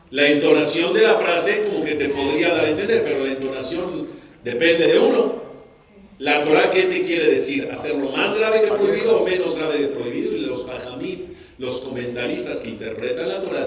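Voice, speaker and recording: A male rabbi teaching a Torah class and quizzing his audience with lively questions. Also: fairly high pitch. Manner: asks the audience questions, animated. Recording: echoey room, mic far off.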